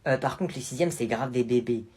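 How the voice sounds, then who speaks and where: Someone putting on a gushy little girl cousin, bit husky, brags nonstop. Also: mid-range voice, a little fast, darkish tone, close to an everyday voice. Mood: gushing. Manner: gushing, chatty. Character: chatty preteen girl cousin, boastful. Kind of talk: sketch comedy.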